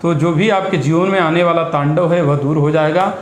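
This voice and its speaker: Measured, instructive man in an echoey room. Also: fairly high pitch, steady tone. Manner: measured, instructive, with Sanskrit terms. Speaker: astrologer and priest guest. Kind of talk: explaining ritual practice. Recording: echoey room with faint noise.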